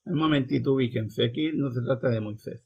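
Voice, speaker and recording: A man's voice: medium pitch, creaky, slightly rough, lo-fi sound. A man preaching a sermon, reading scripture aloud and commenting on it emphatically, with scolding repetition. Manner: reads quoted lines slowly and deliberately. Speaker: preacher and Bible teacher.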